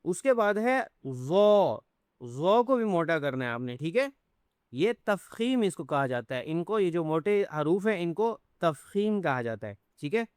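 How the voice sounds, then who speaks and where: A man's voice: high voice, sing-song, smooth, dry recording, studio quality. A man teaching letter pronunciation step by step, patiently repeating each sound and checking in often. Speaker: Quran teacher.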